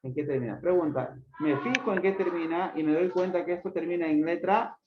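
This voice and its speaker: A teacher running a grammar lesson, calling on students by name and pressing them with repeated questions. The tone turns stern when scolding the class for not reviewing the book. The recording is dull and lo-fi, with loud noise over an echoey classroom. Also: medium pitch, fairly quick.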